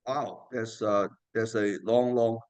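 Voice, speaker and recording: A man hosts an interview, asking friendly, rambling questions loaded with fillers like "you know." His voice is on the low side, steady, slow and a little mellow. The recording is lo-fi with no room sound.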